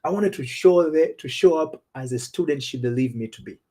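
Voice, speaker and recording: A middle-aged relationship coach from Tanzania tells a personal story as a talk show monologue, earnest and personal, with frequent restarts. His voice is a little high and warm, and his pace is brisk.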